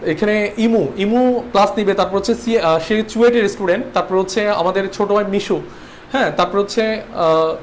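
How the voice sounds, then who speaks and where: With a little hiss or hum on the line, a young man from Bangladesh runs an online English exam-prep livestream, going over rules repeatedly and making sure students follow. He speaks at a moderate pace in a high voice.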